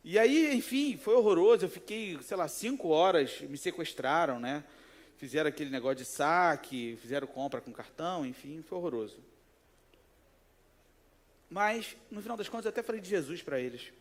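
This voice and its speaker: A man's voice: on the high side, moderate pace. A man with a Rio de Janeiro accent, preaching a casual, conversational sermon in church, telling personal stories and playfully acting out the voices in them. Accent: Rio de Janeiro Portuguese. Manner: animated storytelling, acts out quoted voices, jokes with the congregation. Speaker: pastor. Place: church sanctuary.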